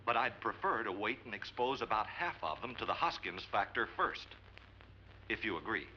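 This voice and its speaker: A man's voice: lowish voice, expressive, moderate pace, natural voice. An actor playing an absent-minded male lab assistant who speaks in a detached, terse way. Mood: distracted. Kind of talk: 1950s film acting. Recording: dull old soundtrack with faint background noise.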